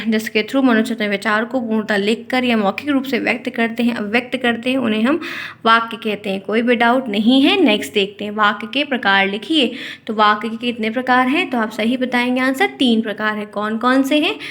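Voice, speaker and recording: A woman teacher going through exam questions one by one, reading each question out and repeating it before she explains the answer. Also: on the high side. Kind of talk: exam-prep lesson.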